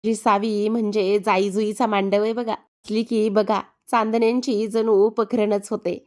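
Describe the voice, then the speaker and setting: A woman's voice: medium pitch, flat delivery, a little slow, darkish tone, close to an everyday voice. A woman voicing a proud, doting village mother who praises her daughter fondly.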